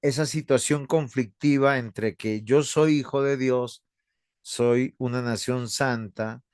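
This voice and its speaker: A man teaching a seminary class as a pastor, unhurried and earnest, calling his students brothers and sisters. His voice sits in an ordinary middle range. The sound is dry and close to the mic. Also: mid-range voice, darkish tone, smooth, no echo. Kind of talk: online theology lecture with class discussion.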